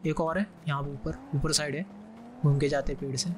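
A man giving live gameplay commentary, excitedly shouting quick callouts. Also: fairly high pitch, noisy background. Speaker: gaming YouTuber.

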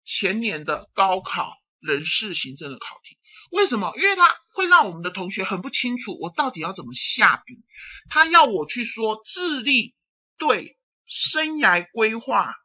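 A woman giving an exam-prep lecture, animated and answering her own rhetorical questions. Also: mid-range voice, normal speed, husky, no echo. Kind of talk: recorded tutoring lecture. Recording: dull, muffled lecture audio.

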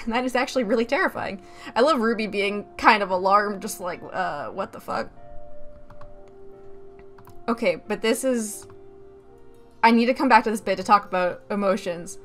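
A young woman hosting a reaction video, rambling excitedly, swearing freely and laughing as she comments. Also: medium pitch, moderate pace, long pauses, faint music behind.

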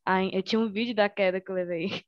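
A woman's voice: mid-range voice, steady tone, fast. A woman with a Brazilian Portuguese accent, a student in an online class, talking hesitantly with many fillers and little laughs. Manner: hesitant, lots of fillers, giggly. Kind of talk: casual chat in class. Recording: muffled video call audio.

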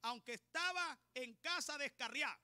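A man preaching a sermon with fervor, building up to shouting. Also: extremely high pitch, moderate pace, dry recording.

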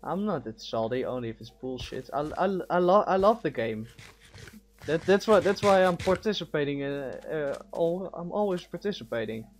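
A man's voice: fairly high pitch, lively intonation, moderate pace. A man chatting casually with teammates while playing a game, often stammering and repeating words as he plans their next move. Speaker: game player. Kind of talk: casual team chat while gaming.

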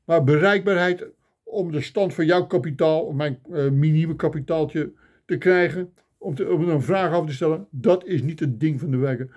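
On his phone camera, an older vlogger delivers a grumbling comic rant, feigning indignation throughout. His voice is on the high side and darkish, at a normal pace.

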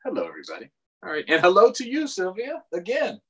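A middle-aged county councilmember hosts a children's storytime over a video call from a small furnished room, chatting casually with kids and families. His high voice swoops wildly in pitch, fast, fairly bright and slightly rough. The video call microphone makes the recording muffled.

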